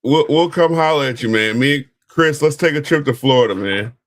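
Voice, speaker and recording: Brief: male live-stream host, mid pitch, casual, musing and friendly with chat shout-outs. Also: fairly quick. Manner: musing, asks rhetorical questions, gives friendly shout-outs.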